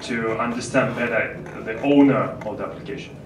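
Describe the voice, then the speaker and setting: A man in the audience at an event asking a spontaneous question, pausing and hesitating as he phrases it. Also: mid-range voice. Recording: echoey, noisy hall from far off.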